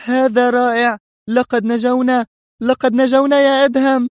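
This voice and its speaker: A man voicing an eager young woman captain in an audiobook, lifting his voice high and bright. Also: flat delivery, moderate pace, no echo, studio quality. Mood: overjoyed. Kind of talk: audiobook character reading.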